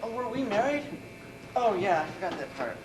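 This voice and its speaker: A young man playing Elliot, a vague, bored ex-husband, with deadpan delivery in a school stage comedy. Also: high-pitched, brisk, over a noisy crowd. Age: young adult. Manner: deadpan, dry. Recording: distant echoey stage audio with noise.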